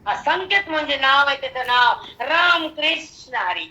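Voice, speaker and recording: An older woman with a Marathi accent giving a devotional discourse on scripture, slowly chanting verses and then explaining them in lively spoken asides. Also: high-pitched, poor audio. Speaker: spiritual teacher expounding scripture.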